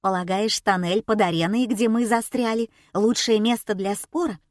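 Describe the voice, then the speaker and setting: A woman's voice: medium pitch, steady tone, moderate pace, no room sound, studio quality, lightly acted. Brief: a woman as a contemptuous stage assistant snapping at a newcomer, storybook reading. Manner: snapping, insulting. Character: rude, scornful female magician's assistant.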